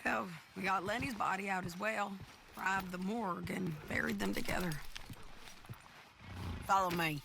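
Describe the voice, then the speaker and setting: An actress playing a bold, plainspoken American outlaw woman in a game, brisk, folksy and wry. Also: mid-range voice, fairly even intonation, vocal fry, noisy background, close to an everyday voice. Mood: grim. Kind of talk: dramatic game character acting. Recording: loud music over the voice.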